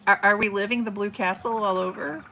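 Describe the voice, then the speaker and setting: Here the forty-something livestream host sounds pushed and bright, her mid-range voice brisk with fairly even intonation as she reads viewer comments in a big teacher voice. Slight background noise and birds come through her open window at home, and her chatty, affectionate talk is full of fillers and restarts.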